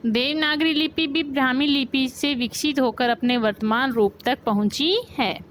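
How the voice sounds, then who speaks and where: A woman's voice: high voice, normal speed, fairly bright tone, a little hiss or hum, low-quality recording. A woman teacher, giving a grammar lesson and asking the class questions, then repeating the key points. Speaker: school teacher.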